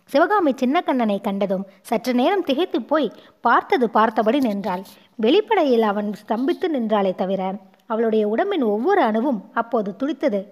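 A woman reads a novel aloud as narrator, her voice sitting somewhat high. Her storytelling is measured and expressive. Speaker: audiobook narrator. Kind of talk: scripted narration.

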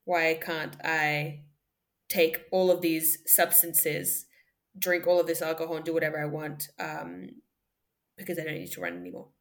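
A woman with a low-pitched voice, raised in Australia, speaks as a podcast guest. She reflects thoughtfully and in an unhurried way, with many ums and self-corrections. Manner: thoughtful, frequent ums and restarts, light laughter. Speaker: podcast guest, former sprinter. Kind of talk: reflective conversational interview.

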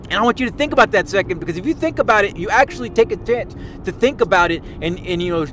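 In a parody monologue, a man with a high, fairly bright voice talks fast and animatedly over a faint hiss or hum. He plays a smug, pompous tabletop gaming expert, a self-styled podcast authority who lectures boastfully and rambles, stumbling over restarts and repeating himself.

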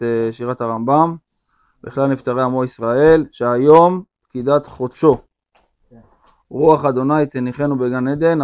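A male rabbi telling a story during a religious lesson, in an animated storytelling manner. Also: medium pitch, clean tone.

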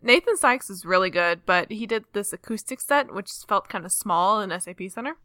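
A woman's voice: medium pitch, animated, a little fast, pushed and bright, no room sound. A young woman co-hosting a podcast, telling stories in a bubbly, gushing way. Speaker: podcast co-host. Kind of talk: casual chat.

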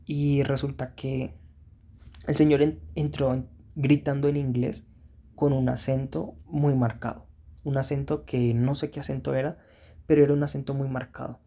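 A man recounts his own misadventures in a candid, rambling, self-critical manner. His voice is gravelly and husky, with a dark, mellow tone. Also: medium pitch, level tone, moderate pace. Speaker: storyteller. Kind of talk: casual first-person storytelling.

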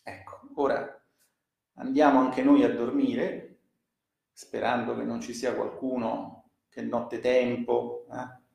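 A man with a gravelly edge reads verse slowly and then reflects in a measured, deliberate way. He talks at an unhurried pace. His voice echoes strongly around a very roomy space. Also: mid-range voice, flat delivery, a little mellow. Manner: measured and deliberate, with hesitant fillers when talking freely. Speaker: speaker reciting poetry and commenting. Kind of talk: slow poetry recitation and reflective commentary. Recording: very echoey room.

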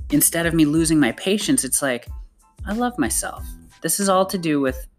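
Deep-voiced woman, earnest self-help talk as a mother, stumbling restarts, faint music underneath. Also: fairly quick. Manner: earnest, repetitive, restarts often. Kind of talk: casual motivational talk.

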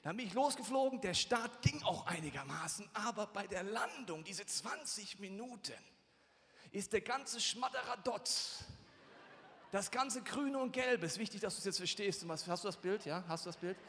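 Animated high-voiced preacher in a hall. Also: male voice, moderate pace, slight background noise. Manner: animated storytelling, acting out scenes and shouting. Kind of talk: humorous sermon with personal story.

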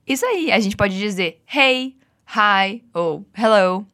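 A woman's voice: medium pitch, animated, takes it slowly, a bit bright. A woman with a Brazilian Portuguese accent teaching English phrases, patient and encouraging as she drills repetitions. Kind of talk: guided language lesson.

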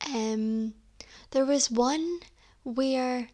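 A woman's voice: sits high, very slow, a little mellow. A Scottish woman in her twenties hosting a solo podcast, chatting casually in a rambling way with lots of "like" and "um". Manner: chatty, rambling, heavy use of "like" and "um". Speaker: podcast host.

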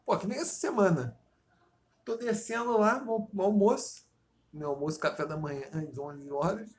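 A Brazilian man co-hosting a loose podcast chat. His voice sits a bit high, and he rambles and swears freely as he drifts from story to tangent. A faint room ambience hangs behind him. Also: moderate pace, a little hiss or hum. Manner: rambling, swears freely, digresses into poetic meter. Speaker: podcast co-host. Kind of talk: casual chat.

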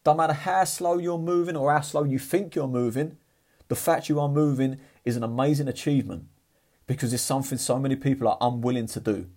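A man's voice: mid-range voice, steady tone, fairly quick, darkish tone. A man giving a blunt, profane motivational talk in a casual, fired-up way. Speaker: motivational vlogger.

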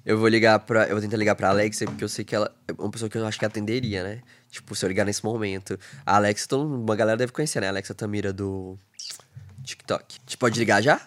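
A man talking as a podcast guest in a relaxed, casual way, full of fillers. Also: lowish voice, very fast. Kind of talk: casual conversation.

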